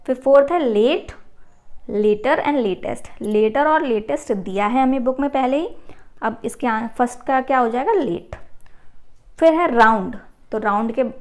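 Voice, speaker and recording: A woman teaches a class lesson. She reads the lines slowly and carefully, then explains them at a patient, even pace. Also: fairly high pitch.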